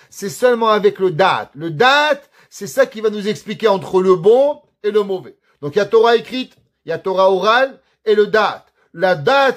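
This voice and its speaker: A man's voice: sits high, fairly bright tone. A man, a rabbi, giving a Torah lesson and weaving Hebrew quotations into his teaching, often asking questions and answering them himself. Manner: mixes Hebrew quotes into his explanation.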